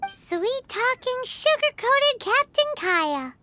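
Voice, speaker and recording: Game sprite: tiny childlike girl companion, very high squeaky voice, lively swings, cheeky and nosy, music behind. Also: takes it slowly, exaggerated voice. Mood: teasing. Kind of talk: video game voice acting. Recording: background music under voice.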